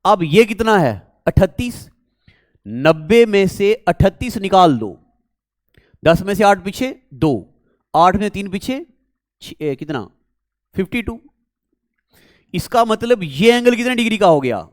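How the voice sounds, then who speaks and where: A man's voice: high voice, very animated, slow, pauses often, dry recording, clean studio sound. A man teaching a maths class, coaxing students and asking them questions as he works through a problem. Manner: coaxing, repeats words, asks students questions.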